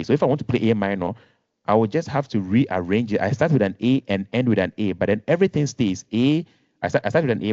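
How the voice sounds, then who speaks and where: A man's voice: lowish voice, darkish tone, no room sound. A man teaching a music lesson online, patient, repeating and rephrasing, counting notes aloud. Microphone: video call. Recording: dull lo-fi video call audio.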